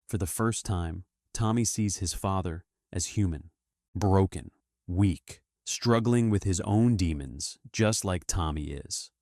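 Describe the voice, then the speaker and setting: A man narrating a film recap in a steady, dramatic storytelling manner. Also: low voice, takes it slowly, no echo, studio quality. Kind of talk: scripted narration.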